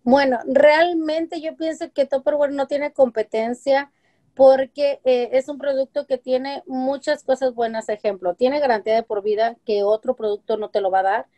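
Chatty and mellow, this woman has a high voice with a steady tone and a moderate pace. She's a home-business seller joining a casual interview by video call on her webcam, from a room whose shelves hold colorful containers, and she leans on examples and fillers such as "este" and "eh."

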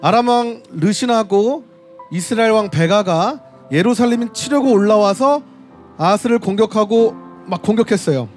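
Man preaching outdoors, very high voice, faint music underneath, storytelling delivery. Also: normal speed. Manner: storytelling, reading scripture aloud and addressing the audience directly. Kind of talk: sermon at a street worship service. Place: outdoor street worship service.

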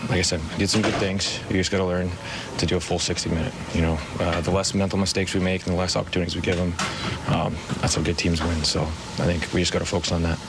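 A young man, a hockey player, giving measured postgame interview answers with many fillers in a locker room. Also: low voice, little pitch movement, vocal fry, heavy background noise. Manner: measured, repeats team clichés with many fillers. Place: locker room in front of a whiteboard.

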